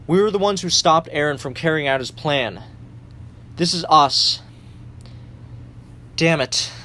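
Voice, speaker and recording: A man's voice: on the high side, measured pace, sharp tone. A man voicing a frustrated young male soldier who sounds bitter and exasperated. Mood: bitter, defeated.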